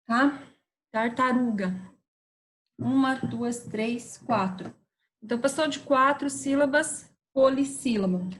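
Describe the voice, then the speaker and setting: Slow, patient woman teacher. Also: fairly high pitch, low-quality recording. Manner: patient, spelling words out slowly with frequent "tá?" and "certo?" checks. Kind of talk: classroom grammar lesson.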